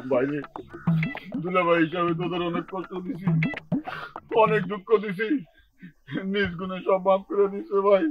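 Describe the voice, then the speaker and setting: A man's voice: on the high side, fairly even intonation, moderate pace, pauses often, highs cut off, faint music behind, natural voice. A man playing a self-pitying, scheming brother-in-law. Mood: mournful. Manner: melodramatic, wheedling, colloquial dialect. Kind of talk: TV drama acting.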